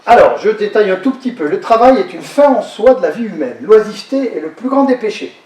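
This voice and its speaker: Heard from a distance off the mic, a man with a fairly high, darkish voice delivers a lecture in an echoey hall. His intonation is lively, but he speaks haltingly, repeating words and restarting phrases as he explains.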